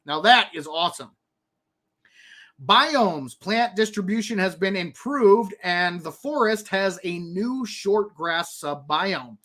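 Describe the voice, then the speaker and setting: A man hosting a live stream, reading game patch notes and rambling through them with lots of fillers, restarts and excited asides. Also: high voice, slow. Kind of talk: casual commentary.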